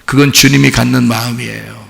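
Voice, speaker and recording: A man preaching a sermon as pastor, animated and full of rhetorical questions to the congregation, acting out quoted voices. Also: medium pitch, brisk, gravelly, long reverb tail. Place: church sanctuary.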